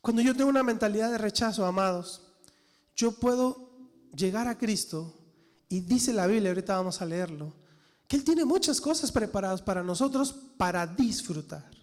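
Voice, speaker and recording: A man's voice: high voice, animated, moderate pace, darkish tone. A man, a pastor, preaching a sermon with rhetorical questions and dramatic quoted voices. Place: church hall. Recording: church hall reverb.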